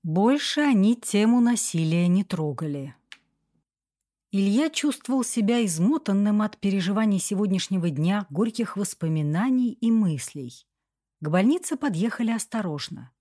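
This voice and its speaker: A woman reading an audiobook as narrator in a steady, even storytelling manner. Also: mid-range voice, moderate pace, no room sound, studio quality. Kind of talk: scripted narration.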